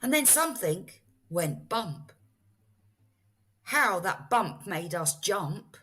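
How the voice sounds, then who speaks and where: A woman teacher reading a children's story aloud with expressive narration. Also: mid-range voice, slow, slight background noise.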